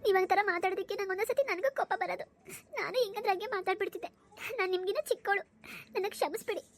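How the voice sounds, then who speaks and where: A woman's voice: very high-pitched, rapid-fire. A woman voicing a tearful young pregnant wife. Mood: grateful. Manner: sobbing, pleading. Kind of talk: cartoon dubbing.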